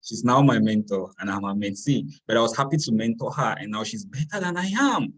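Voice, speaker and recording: A man's voice: medium pitch, expressive, fairly quick, fairly bright tone, husky. A man, moderating a webinar over a video call in an easygoing way. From Cameroon. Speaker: webinar host.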